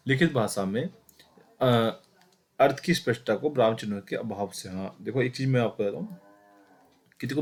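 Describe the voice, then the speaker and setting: A man teaching an exam-prep Hindi grammar lesson, explaining step by step with many fillers and self-corrections, and speaking directly to his students. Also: mid-range voice. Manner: addresses students directly, repeating key points.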